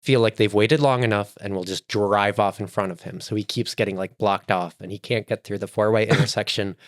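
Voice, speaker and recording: A man's voice: fairly low pitch, steady tone, a little fast, dry recording, clean studio sound. A man introducing his character on a role-play podcast in a casual, laughing way. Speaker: player. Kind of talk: casual chat.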